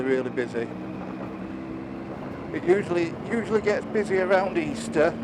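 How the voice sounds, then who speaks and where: British male motovlogger, lightish pitch, casual and chatty riding commentary, heavy wind and engine noise on the mic. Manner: chatty, musing aloud. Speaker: motorcycle vlogger. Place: outdoors, riding a motorcycle. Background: loud wind, engine and traffic noise.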